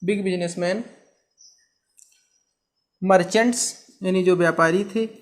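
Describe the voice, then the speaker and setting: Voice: medium pitch, steady tone, unhurried. Teacher quizzing and answering themselves. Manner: asks rhetorical questions and answers them; explains terms with everyday comparisons. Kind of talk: exam-prep history lecture.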